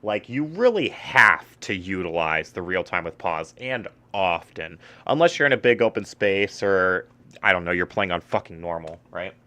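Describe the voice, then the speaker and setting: A low-voiced man talks casually about video games. His chat is loose and profane, full of fillers and restarts as he rambles from one thought to the next. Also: animated, normal speed, bright, forceful tone. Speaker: gaming streamer.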